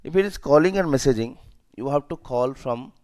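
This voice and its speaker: Fairly quick and lively in intonation, this Indian-accented man has a medium-pitched, darkish voice. As a safety and security trainer he delivers an emphatic lesson, repeating the essentials and checking comprehension with short questions.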